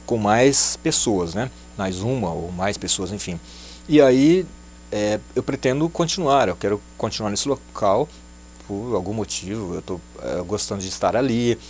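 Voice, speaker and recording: A man giving a casual video English lesson, chatting and repeating English phrases slowly for practice. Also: mid-range voice, a little mellow, a little hiss or hum. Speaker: English teacher.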